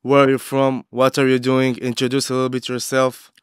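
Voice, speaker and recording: Flat, very clear-voiced male host. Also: mid-range voice, no room sound, clean studio sound. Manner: plain, halting, simple phrasing. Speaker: interview host. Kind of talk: casual interview hosting.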